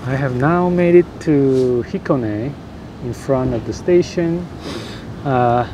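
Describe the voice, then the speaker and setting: A young man filming a casual travel vlog outdoors with a phone camera at arm's length, talking in a relaxed way with filler ums. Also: medium pitch, takes it slowly, background noise. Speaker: vlogger. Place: outdoors on town streets and at stations.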